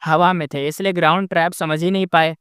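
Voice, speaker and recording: Male narrator reading a calm, measured dealmaker, smooth dry voice. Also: a little high, dry recording, lightly acted. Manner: calm, even tone. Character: calm, composed man offering terms.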